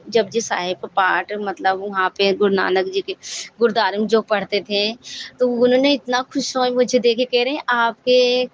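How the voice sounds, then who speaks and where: A woman sharing an earnest devotional testimony with the congregation, often addressing them respectfully. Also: on the high side. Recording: dull lo-fi audio.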